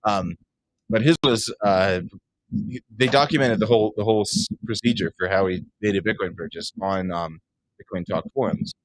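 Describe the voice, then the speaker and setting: Low-voiced man explaining with many fillers. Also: normal speed, poor audio. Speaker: co-host explaining Bitcoin. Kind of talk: casual panel chat before a live audience. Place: event space with live audience.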